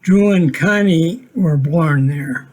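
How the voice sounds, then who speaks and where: Unhurried man in his eighties, fairly high. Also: darkish tone. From Minnesota, USA. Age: 80s. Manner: plainspoken, matter-of-fact with dry humor. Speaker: narrator of a family home video. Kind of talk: casual narration over home video.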